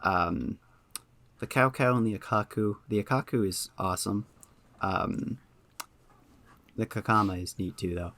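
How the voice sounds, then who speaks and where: A man's voice: lowish voice, unhurried, pauses often, fairly bright tone. A man hosting a casual podcast, talking at length with lots of ums and eager enthusiasm. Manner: rambling, many ums, enthusiastic. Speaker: podcast host. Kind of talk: casual chat.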